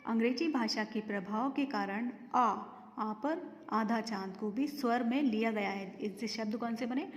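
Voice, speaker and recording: A woman teaching a grammar lesson to children, reading each example word slowly and deliberately. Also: fairly high pitch, lo-fi sound. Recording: echoey room with long reverb.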